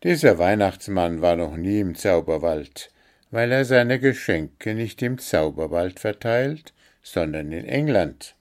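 A man voicing a good-natured male creature in a children's story, explaining calmly. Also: deep voice, slow. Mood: patient.

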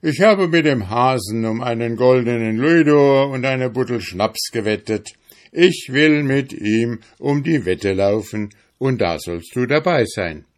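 A man's voice: mid-range voice, expressive, unhurried, voice pushed up, lightly acted. A man voicing a crafty, bossy male hedgehog in a fairy tale. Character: sly, gruff male hedgehog.

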